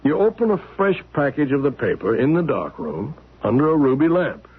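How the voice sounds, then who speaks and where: In a 1970s radio drama performance, a calm and mysterious man explains things patiently at a moderate, measured pace. His voice is husky with lively pitch, and the narrow, phone-like audio sounds like an old broadcast.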